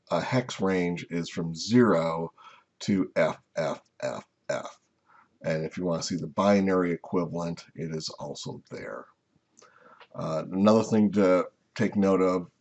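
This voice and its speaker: A man teaching a recorded slide lecture, explaining step by step in an unhurried way with frequent "uh" and "um" fillers. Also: sits low, a little mellow, lo-fi sound. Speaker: instructor.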